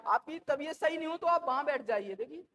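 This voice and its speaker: A woman teacher lecturing a class, repeating and dictating key terms slowly and addressing the students affectionately. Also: high voice, lively intonation, fairly bright tone. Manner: calls students "beta" and "bachche".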